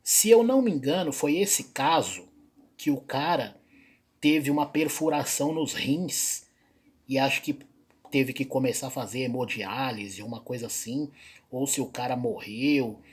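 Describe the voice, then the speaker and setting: A man hosting a reaction video, talking in loose, rambling commentary with frequent fillers and pauses. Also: mid-range voice, animated, breathy edge. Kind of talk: casual spoken commentary.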